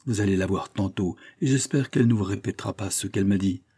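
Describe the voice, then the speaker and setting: A man reading an audiobook, voicing a resolute old grandfather who reasons in a measured, firm way. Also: fairly low pitch, mellow, breathy edge. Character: grave, resolute grandfather, protective and calm.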